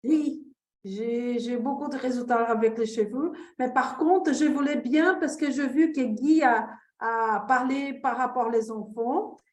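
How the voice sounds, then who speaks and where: Casting: woman, foreign Brazilian accent, native Portuguese, highish voice, informal testimonial, hunting for words, roomy echo. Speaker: participant giving a testimonial. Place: online video meeting, echoey room.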